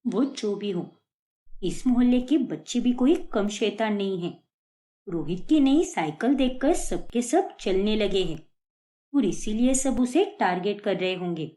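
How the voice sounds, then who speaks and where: A woman's voice: mid-range voice, lively intonation, measured pace, mellow, natural voice. A woman voicing a stern middle-aged mother in a cartoon, who scolds her daughters sharply and defends her son. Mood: scolding. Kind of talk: cartoon voice acting.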